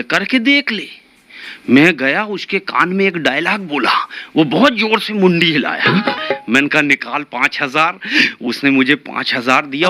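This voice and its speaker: A man performing stand-up comedy, telling stories with animated delivery and repeated lines for comic effect. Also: a little high.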